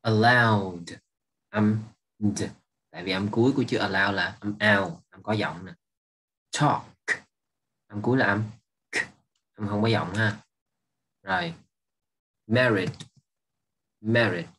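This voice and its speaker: Male English teacher, slow and husky, repeats each word and checks that students follow. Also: on the low side, a bit bright. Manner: patient, repeating words and asking if students follow. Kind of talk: exam review lesson.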